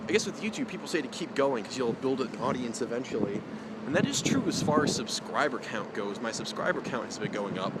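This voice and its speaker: A young man talks outdoors, meandering from thought to thought with lots of fillers and self-deprecating asides. His voice sits at an ordinary middle pitch. Loud wind roars over the mic the whole time. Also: big pitch swings, fairly quick. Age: young adult. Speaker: vlogger. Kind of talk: rambling outdoor vlog. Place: outdoors in strong cold wind. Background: heavy wind noise.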